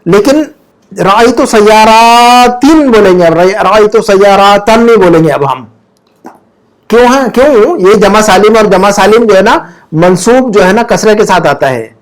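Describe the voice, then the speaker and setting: A man's voice: sits high, animated, normal speed. A man teaching an Arabic grammar class from home, patiently drilling word endings and quizzing his students.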